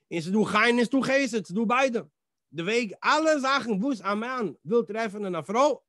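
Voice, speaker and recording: A rabbi with a high-pitched male voice leads a storytelling Torah class. He is animated, slips into the voices of the characters and drops English words into his speech. The sound is dry and close, with no room echo. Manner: animated, acts out the dialogue in different voices.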